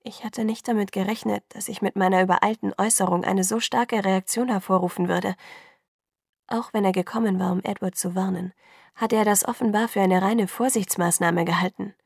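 Gravelly woman reading an audiobook. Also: mid-range voice, steady tone, brisk, a little mellow, dry recording, studio quality. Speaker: audiobook narrator. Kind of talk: scripted first-person narration.

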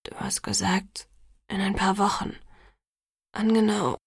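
A woman voicing a curious, teasing teenage boy in an audiobook, speaking low and quiet and often dropping to a whisper. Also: moderate pace, creaky, dry recording, studio quality. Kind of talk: audiobook character voice.

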